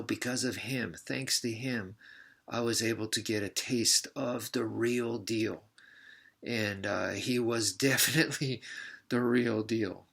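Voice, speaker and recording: A man's voice: lowish voice, vocal fry, a bit bright, husky. A male martial arts instructor telling a personal story in a casual, rambling way, mocking himself and repeating words for emphasis.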